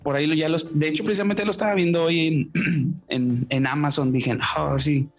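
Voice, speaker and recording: A man's voice: a little high, fairly quick, dull audio. A male podcast host, chatting in a chummy, slangy, rambling way. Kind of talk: casual podcast chat.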